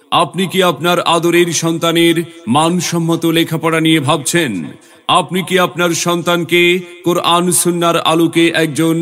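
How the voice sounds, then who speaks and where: A man delivers a scripted promotional announcement in a formal, measured way. His voice sits a little high and stays on a very even pitch, pressing each phrase with emphasis. Light music plays behind him. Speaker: announcer for a school admission advert.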